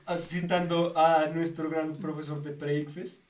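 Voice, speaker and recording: A man's voice: fairly high pitch, little pitch movement, measured pace, distant mic, a little hiss or hum. A man in a casual podcast chat, throwing in crude wisecracks.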